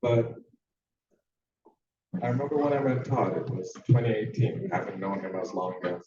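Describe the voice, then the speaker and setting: A man's voice: fairly low pitch, normal speed, crowd noise. A man introducing himself at a memorial and speaking hesitantly, with ums. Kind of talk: unscripted eulogy. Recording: echoey hall from far off, dull sound.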